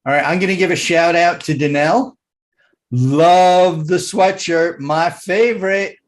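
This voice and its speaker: A man hosting a business networking meeting over a video call, relaxed and joking. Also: a little high, a little slow.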